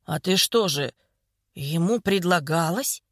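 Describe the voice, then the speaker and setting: A woman doing a hoarse, sarcastic older woman. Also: on the low side, animated, slow, dry recording, clean studio sound, voice pushed down, heavily acted. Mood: mocking. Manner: sarcastic, teasing. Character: sharp-tongued older woman in hospital bed.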